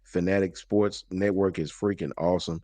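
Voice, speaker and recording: A man with a very low voice rambles in easygoing, slangy talk as a live-stream guest. He stumbles and repeats himself often. The sound is close and dry. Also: fairly even intonation, moderate pace, dark tone, no room sound. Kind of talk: casual chat.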